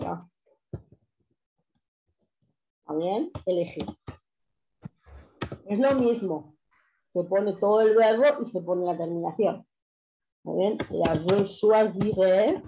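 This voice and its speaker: A woman teaching a language class over a video call, patient and explanatory, pausing often to check that everyone follows. Her voice is mellow and low-key. The audio is dull and lo-fi, like a compressed online class. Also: slight background noise. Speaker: French teacher.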